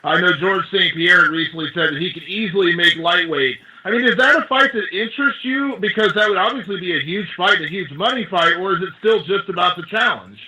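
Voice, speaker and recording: Casting: quick-talking man, very bright tense voice, reporter on a faintly noisy conference call. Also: sits high. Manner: wordy, repeats phrases as he builds questions. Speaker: reporter asking questions. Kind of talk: press call questioning. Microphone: telephone conference call. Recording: noisy telephone conference line.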